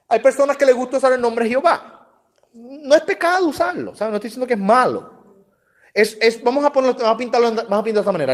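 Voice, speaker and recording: Man, high voice, church Bible teacher, conversational, restarts phrases, checks in with listeners. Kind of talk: church doctrine class.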